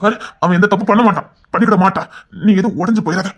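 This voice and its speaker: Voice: medium pitch, racing, dull audio, close to an everyday voice. A voice actor doing a devoted pleading husband. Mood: pleading, scolding. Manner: pleading, swearing loyalty, scolding loudly. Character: devoted young husband, loud and protective. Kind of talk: Tamil romance audio drama.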